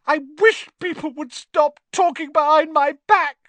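A man's voice: very high voice, fairly even intonation, rapid-fire, a bit bright, no room sound, pitched above the performer's own voice. A man voicing a weepy, melodramatic ghost girl in an audiobook, easily offended and wailing in a tearful, self-pitying way. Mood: tearful, wounded. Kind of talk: audiobook character acting.

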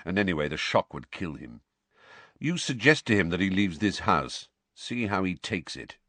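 A man's voice: low-pitched, sing-song, normal speed, sharp tone, no echo, heavily acted. A man voicing an impatient, irritable grown man who speaks curtly and with disdain. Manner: curt, snapping, disdainful. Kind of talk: audiobook character voice.

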